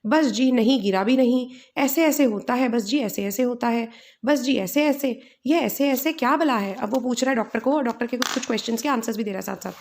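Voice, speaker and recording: A young woman teacher, who reads a story aloud with expressive dialogue and then explains each line plainly. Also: a little high, fairly quick, a little hiss or hum. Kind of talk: reading a lesson aloud and explaining.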